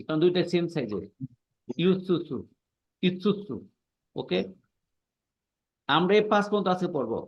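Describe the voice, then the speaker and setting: Male language teacher, fairly high voice, patient and repetitive, checks understanding often; muffled online-class audio. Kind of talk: online class explaining pronunciation.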